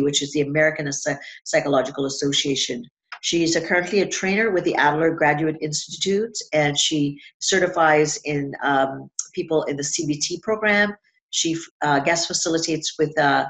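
A woman hosts a relaxed interview. She talks chattily, with plenty of fillers and restarts. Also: deep voice. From Trinidad and Tobago. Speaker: podcast host. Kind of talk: casual interview chat.

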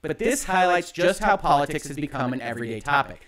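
A man hosting an online show, giving emphatic, argumentative opinion commentary in deliberate phrases, with echo on his livestream audio. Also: fairly high pitch, animated, a bit bright.

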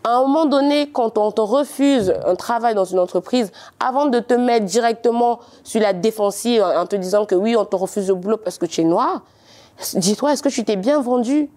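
A young woman from Cameroon with a slightly faded Cameroonian French accent, a guest telling her story in a lively, teasing and insistent way. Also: fairly high pitch, moderate pace. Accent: Cameroonian French, partly faded. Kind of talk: casual interview talk.

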